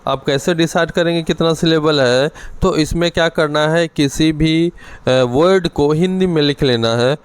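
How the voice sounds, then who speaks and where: A man with an Indian English accent teaching an exam-prep lesson, slow and deliberate, switching between Hindi and English. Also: a little high, smooth, no echo, poor audio.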